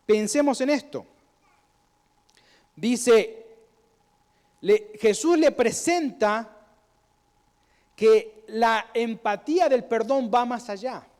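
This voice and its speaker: A man's voice: very high-pitched, a little mellow. A man preaching a sermon in a conversational way, asking his congregation questions and acting out quoted voices, recorded in a church. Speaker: pastor. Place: church sanctuary. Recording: long hall reverb.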